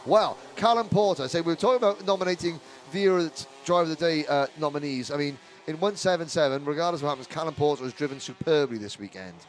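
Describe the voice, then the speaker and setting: A man's voice: a little high, fast talker, hardly any pauses. A man commentating live on motorsport, with chatty, jokey, rambling asides. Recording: outdoor trackside with clear engine noise.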